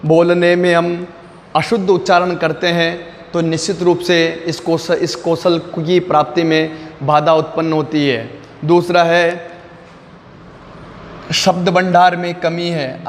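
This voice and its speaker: A man teaching an exam-prep lesson, repeating key terms slowly word by word. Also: a little high. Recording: long reverb, faint noise.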